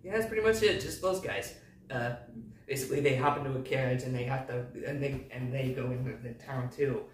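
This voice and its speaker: A man's voice: mid-range voice, fairly quick, a little hiss or hum. A man hosting a casual movie recap who rambles and hesitates, full of fillers. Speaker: movie review host. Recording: echoey room, distant mic.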